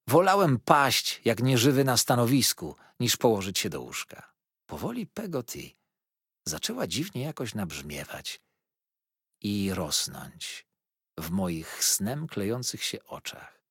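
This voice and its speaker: A man narrates a classic novel in measured, expressive storytelling. His voice is somewhat husky and his pitch moves a lot. The recording is dry and close, with no room sound. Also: no room sound. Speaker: audiobook narrator. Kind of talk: scripted narration.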